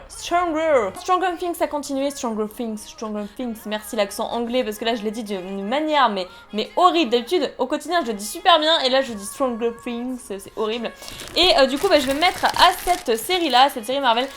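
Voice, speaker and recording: A woman's voice: sits high, a bit bright. A young woman chatting casually through an unboxing, rambling and giggly, poking fun at herself. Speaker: unboxing vlogger.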